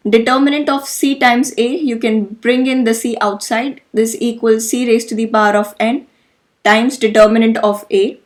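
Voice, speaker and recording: Woman explaining math notation, slightly high voice. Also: steady tone, moderate pace. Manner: methodical, self-correcting explanation. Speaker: lecturer. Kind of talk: slide-based math lesson.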